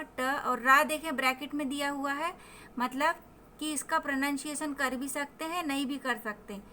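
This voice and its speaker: A woman teacher, slowly drawing out English words and explaining their meanings in a vocabulary lesson. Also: sits high, pushed and bright, a little hiss or hum. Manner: slow, drawn-out word pronunciations, mixing Hindi explanations with English definitions. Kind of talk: vocabulary lesson with pronunciation drills.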